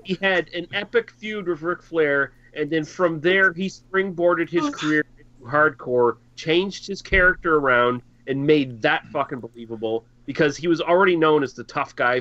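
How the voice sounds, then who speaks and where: A man's voice: on the high side, moderate pace, pushed and bright, no echo, highs cut off. A man co-hosting a podcast, bluntly ranting with heavy swearing in a casual heated debate. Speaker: podcast co-host.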